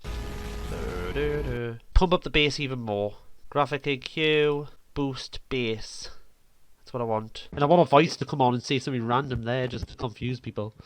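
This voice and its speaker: A man's voice: mid-range voice, moderate pace, clean tone, no echo. A man vlogging while he edits a track, rambling playfully and mouthing out beat sounds as he goes. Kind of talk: casual commentary while editing music.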